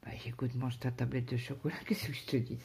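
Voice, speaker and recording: A woman's voice: a bass voice, little pitch movement, fairly quick, a little mellow, breathy edge. A woman chatting casually to her viewers about her day, rambling, with many fillers and restarts. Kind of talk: casual personal chat to viewers.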